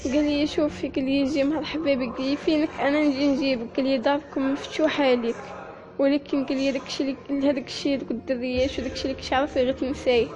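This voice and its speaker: A young Moroccan woman with a high voice tells her own painful story, halting and close to tears. The recording is dull and lo-fi. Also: level tone, crowd noise. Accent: Moroccan Arabic. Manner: halting, emotional, often near tears. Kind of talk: personal story told to listeners.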